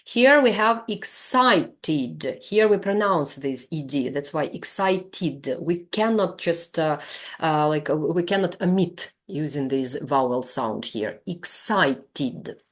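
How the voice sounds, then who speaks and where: A woman with a Ukrainian accent teaches trainee teachers in an online session. Her voice sits a little low and her delivery is very slow, patiently repeating each word to model its pronunciation. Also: lively intonation.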